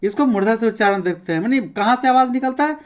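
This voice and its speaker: A male teacher gives a classroom grammar lesson. He says sounds one by one, slowly and with care, and keeps urging listeners to pay attention and try them aloud. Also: extremely high pitch, animated. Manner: repeats sounds slowly, enunciating each one as a demonstration.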